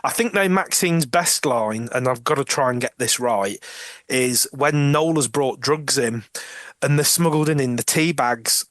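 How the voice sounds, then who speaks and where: A man co-hosting a podcast, retelling TV scenes in casual chat, animated, laughing often and restarting his sentences. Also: mid-range voice, a little slow, no echo, clean studio sound. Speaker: podcast co-host.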